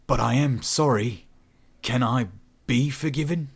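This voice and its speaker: A man voicing a remorseful, husky young man. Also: mid-range voice, measured pace. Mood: unhappy. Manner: unhappy and hesitant. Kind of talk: audiobook narration.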